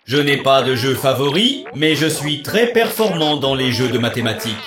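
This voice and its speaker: A man voicing a talking toy robot with artificial intelligence, using a robot voice that is flat and precise and talks in calculations. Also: medium pitch, normal speed. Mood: logical. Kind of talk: cartoon voice acting. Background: children's music.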